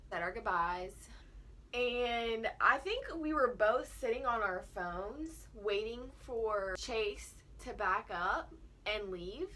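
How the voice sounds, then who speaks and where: A woman's voice: fairly high pitch, animated, slow pace, bright, forceful tone. A young American woman co-telling a story in a vlog, casual and informal, peppering it with "like" and quoted dialogue. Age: young adult. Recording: faint background noise.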